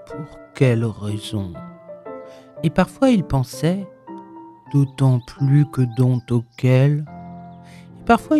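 A woman reads a children's story aloud, unhurried and melodic, her pitch rising and falling in a lively way. Her tone is mellow and warm, and soft music drifts faintly behind her. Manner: slow, lilting storytelling. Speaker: narrator. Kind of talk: storybook reading.

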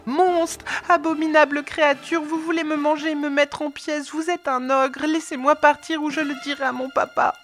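A woman voicing a terrified, defiant young boy in an audiobook reading, shrill and shouting. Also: level tone, moderate pace, few pauses.

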